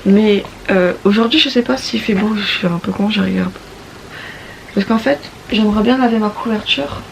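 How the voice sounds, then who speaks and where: A young woman from around Paris chats to camera at home with a sore throat, wandering off mid-sentence and restarting often. Her voice sits at an ordinary pitch and sounds distant from the mic. The room rings with echo under a faint background hum. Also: normal speed, gravelly. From Paris region, France. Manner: rambling, hesitant, many restarts and fillers. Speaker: vlogger. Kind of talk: casual morning chat to camera. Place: at home, indoors.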